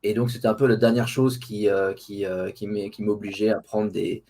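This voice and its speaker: A man with a low, gravelly voice chats as an interview guest. He is casual and hesitant, often circling and repeating words as he looks for the right one. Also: level tone, moderate pace, mellow. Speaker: interview guest, online diet group administrator. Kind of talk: casual conversational interview answers.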